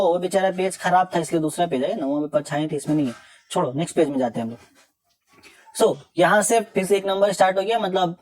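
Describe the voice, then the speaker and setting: A young man teaching an exam revision lesson, reading questions out slowly, then explaining with casual jokes and teasing scolds. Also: sits high, a little mellow.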